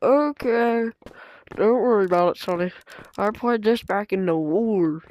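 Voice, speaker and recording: A woman's voice: a little high, big pitch swings, normal speed. A woman voicing a clumsy old grandmother who fought in a war, in a quavering put-on granny voice during playful game role-play. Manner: quavering put-on granny voice, calls the other "Sonny". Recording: noisy gaming voice chat with clicks.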